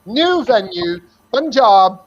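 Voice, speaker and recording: A man with a strikingly high voice hosts a live cricket fan show, bouncing along with playful, teasing energy. The sound is dull and lo-fi. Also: very animated, slow. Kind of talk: lively live-stream chat.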